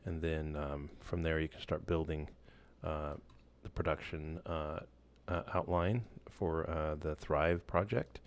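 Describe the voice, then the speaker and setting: A man walking through a software tool in a casual screen-share tutorial, loose and relaxed, with many fillers and restarts. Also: very deep voice, unhurried, few pauses. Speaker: instructor.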